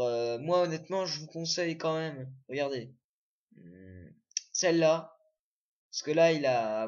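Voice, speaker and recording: A young man with a slightly high voice talks through a screen recording in a relaxed, halting way, stopping for fillers and correcting himself. The sound is muffled and lo-fi, from a basic home microphone. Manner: hesitant, many fillers and self-corrections. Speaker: gaming video creator. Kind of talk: casual screen-recorded commentary.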